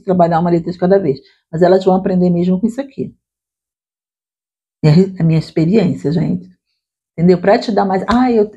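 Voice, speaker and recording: A woman literacy teacher explaining classroom activities to other teachers in a conversational way, checking in often with quick tag questions. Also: mid-range voice, mellow, breathy edge. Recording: dull lo-fi recording.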